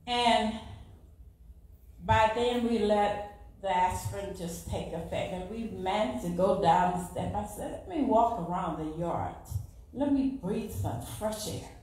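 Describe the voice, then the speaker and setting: A middle-aged woman with a Southern US accent giving a fervent church testimony, rising to loud exclamations. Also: mid-range voice, unhurried. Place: large church sanctuary. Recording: echoey church from far off.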